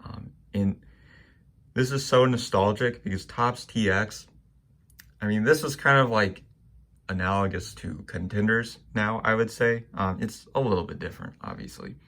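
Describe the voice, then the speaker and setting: A young man casually talking through his sports card pickups, relaxed and rambling with plenty of fillers. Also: lowish voice, moderate pace. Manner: relaxed and rambling, many ums and likes. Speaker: sports card collector vlogger. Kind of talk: casual monologue showing cards.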